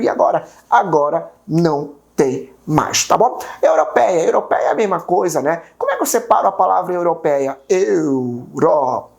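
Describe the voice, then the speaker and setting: A woman's voice: medium pitch, gravelly, a little mellow. A Brazilian woman teaching an exam-prep grammar lesson, repeating each rule and asking and answering her own questions. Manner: repeats key rules, checks in with viewers.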